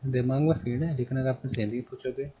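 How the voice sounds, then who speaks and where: A male English grammar teacher in a classroom, repeating his points and firing quick questions at his students. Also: mid-range voice, fairly even intonation, husky, narrow, tinny audio.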